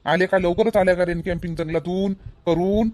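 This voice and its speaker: Brief: man as an anxious village granddad, high voice, fussing and easily scared. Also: fairly even intonation, brisk, darkish tone, lightly acted. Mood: coaxing. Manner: fussing, questioning, easily alarmed. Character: worried old village grandfather. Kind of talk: village comedy sketch acting.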